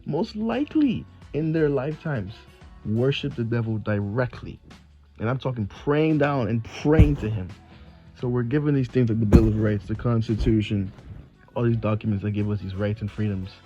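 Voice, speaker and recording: Earnest low-voiced man, lo-fi. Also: warm tone. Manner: earnest, rambling, preachy. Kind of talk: casual religious monologue. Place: home voice-over recording. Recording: dull lo-fi voice-over with faint music.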